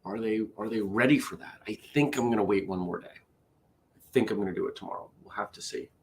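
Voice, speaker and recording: A man's voice: fairly low pitch, fairly quick, a little hiss or hum. A man hosting a casual morning livestream, chatty and tired after a bad night's sleep, greeting viewers and reading out their comments. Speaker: host.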